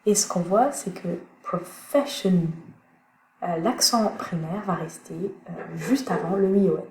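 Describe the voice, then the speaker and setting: A woman teaching English pronunciation in a recorded online lesson, thinking aloud with many pauses as she searches for words. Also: fairly low pitch, a little mellow. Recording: echoey room, faint background noise.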